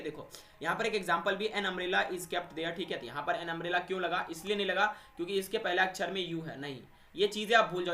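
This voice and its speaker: A man's voice: sits high, bright, forceful tone, roomy sound, a little hiss or hum. A man teaching an English grammar lesson for exam preparation, calling students friends and posing questions he answers himself. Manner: addresses students as friends and little brothers, asks and answers own questions.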